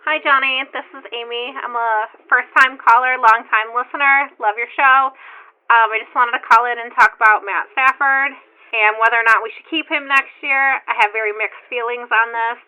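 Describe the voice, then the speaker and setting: A woman's voice: a little high, steady tone, normal speed, clean tone. A woman phoning in to a sports talk show as a caller, speaking a little hesitantly with frequent "um" fillers over a phone line.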